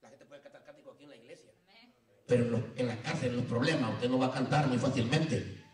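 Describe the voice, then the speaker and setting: A male pastor preaching a sermon, jumping between shouted lines and low murmurs and repeating phrases. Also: fast. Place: church. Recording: echoey church from far off.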